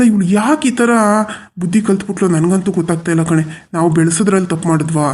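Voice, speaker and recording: An actor voicing a weary, resigned middle-aged father in a cartoon, who talks slowly and consoles his wife. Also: mid-range voice, darkish tone, lightly acted. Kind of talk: cartoon voice acting.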